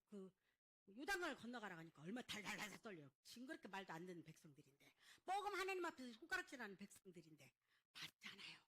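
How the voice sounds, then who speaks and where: High, lively woman preaching a sermon. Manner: emphatic preaching with call-and-response questions to the congregation; acts out biblical figures' lines in dramatic voices. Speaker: pastor.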